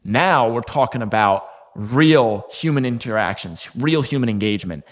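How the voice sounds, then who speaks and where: A man's voice: medium pitch, animated, normal speed, in a large hall. A man giving a casual instructional talk to camera as a marketing coach, conversational, with fillers and occasional restarts.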